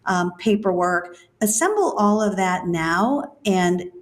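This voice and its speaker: A middle-aged woman answering interview questions as a senior-living expert, measured and thoughtful, with frequent fillers. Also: medium pitch, expressive.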